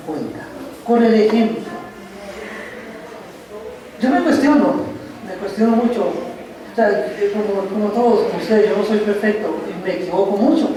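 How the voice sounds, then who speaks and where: Pastor preaching in an echoey church. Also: male voice, sits high, noisy background. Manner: slow, reflective preaching with pauses. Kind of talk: sermon. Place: church sanctuary. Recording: echoey church hall from far off.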